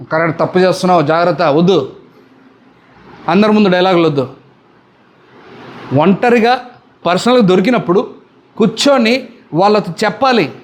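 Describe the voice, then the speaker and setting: A male pastor with a Telugu accent and a high voice preaches a sermon. He keeps firing questions at the congregation and demanding answers.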